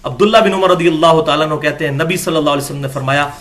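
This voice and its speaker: Reading from books during a religious lecture, a man speaks in a slightly high, fairly bright voice. He argues his points combatively, rising repeatedly to emphatic peaks.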